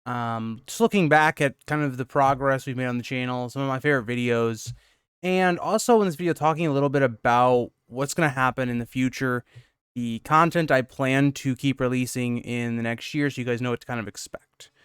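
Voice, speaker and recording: A man's voice: medium pitch, a little fast, a bit bright, clean tone, dry recording, studio quality. A young man hosting his channel, out of breath after a workout, giving a loose, rambling update with lots of "um" and "kind of". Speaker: YouTube channel host. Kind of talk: casual channel update talk.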